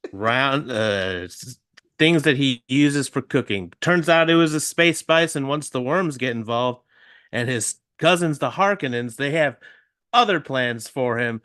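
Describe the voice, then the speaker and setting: A hammy trailer announcer, played by a man stumbles through a dramatic pitch. His voice is bright and forceful, recorded dry. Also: smooth, no room sound. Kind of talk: parody movie trailer.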